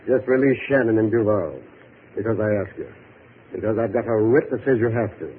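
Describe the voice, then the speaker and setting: An actor playing a smug, ingratiating lawyer, oily and chummy, in an old radio drama. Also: male voice, fairly low pitch, brisk, close to an everyday voice. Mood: smug, gloating. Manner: oily, chummy, self-satisfied. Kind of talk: 1940s-50s radio drama acting. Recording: tinny, faintly noisy old radio recording.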